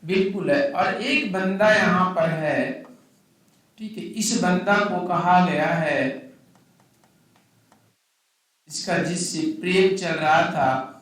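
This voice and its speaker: Male maths teacher, somewhat high voice, asks the class and answers himself; echoey room. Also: slow pace, long pauses, a bit bright. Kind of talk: classroom lecture. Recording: echoey room, mic at a distance.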